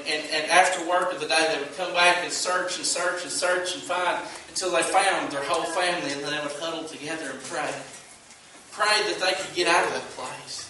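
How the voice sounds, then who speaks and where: A man's voice: on the high side, bright, forceful tone, slight background noise. A man preaching an emotional sermon and altar call, repeating his words as he tells a story. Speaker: pastor. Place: church sanctuary. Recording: echoey hall, mic far off. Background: piano music.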